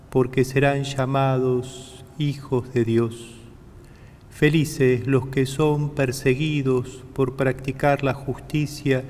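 Priest guy reading scripture real slow and flat, big church echo all around. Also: medium pitch. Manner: slow, even, solemn delivery. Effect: long church reverb. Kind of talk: liturgical gospel reading. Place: large church. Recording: echoey church, long reverb.

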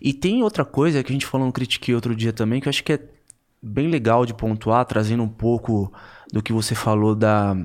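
A man co-hosts a podcast in a mid-pitched voice. He chimes in with reflective, conversational remarks. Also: brisk, a little mellow. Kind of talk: podcast interview.

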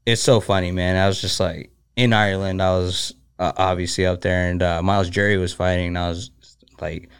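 A man's voice: low voice, flat delivery, a little fast, hardly any pauses, smooth. A man, a fighter, chatting casually on a podcast, swearing a lot, laughing often and acting out what people said in a raised voice. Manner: profane, laughs often, acts out quoted exchanges in a raised voice. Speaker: fighter guest.

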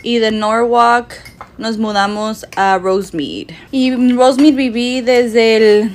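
A Mexican woman in her twenties co-hosts a podcast, chatting casually, laughing often, and switching between Spanish and English. Her voice is fairly high and her pace slow.

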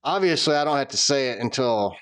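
Speaking at medium pitch, a little fast and a bit bright, this Southern-accented podcast co-host is expressive as he trades dry, self-deprecating banter in a casual chat.

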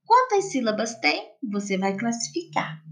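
A woman teacher with a Brazilian Portuguese accent, patiently explaining homework exercises to children in a slow, sing-song classroom voice. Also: on the high side, very animated, a bit bright.

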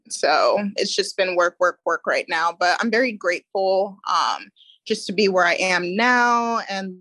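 A woman's voice: mid-range voice, fairly bright tone, no room sound. An American woman speaking casually as a guest on a podcast. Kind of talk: casual chat.

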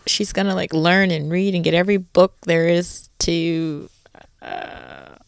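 A woman's voice: lowish voice, steady tone, unhurried, gravelly, clear, resonant tone, dry recording. A woman co-hosting a podcast, laid-back and giggly in casual chat. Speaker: podcast co-host.

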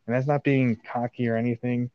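A man's voice: mid-range voice, little pitch movement, a little fast, slight background noise. Guy cohosting a goofy podcast, rambly, laughs a lot, kinda muffled lo-fi audio. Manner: rambling, laughs often, trailing fillers. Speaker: podcast co-host. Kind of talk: casual comedic chat.

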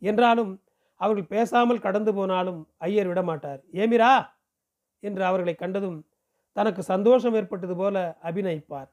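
A man from Pondicherry reading a novel aloud in a steady storytelling delivery. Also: high voice, moderate pace. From Pondicherry, India. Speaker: audiobook reader.

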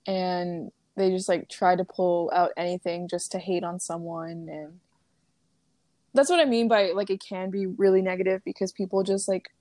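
A woman's voice: lowish voice, fairly even intonation, moderate pace, dark tone, dry recording, clean studio sound. A young woman co-hosting a podcast in casual chat, rambling with lots of fillers and frequent laughs. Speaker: podcast co-host.

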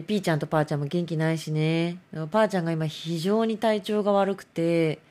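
A woman's voice: low voice, mellow. A middle-aged woman hosts a casual solo talk show, rambling and self-mocking.

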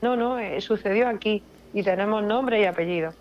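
Woman from Spain, mid pitch, expressive storyteller, muffled lo-fi sound. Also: moderate pace. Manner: expressive, repeats words for emphasis. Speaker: paranormal investigator guest. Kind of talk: emotional personal storytelling.

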